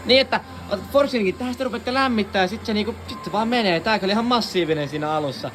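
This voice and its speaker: A young man casually narrating a garage vlog, joking and swearing as he works. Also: high voice. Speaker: vlogger. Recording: music playing loudly in the garage. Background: loud music playing.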